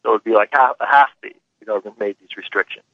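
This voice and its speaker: A man's voice: lowish voice, racing, no room sound. A man calling in to a radio show over a phone line, asking curious follow-up questions. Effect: caller heard over a phone line. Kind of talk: call-in question.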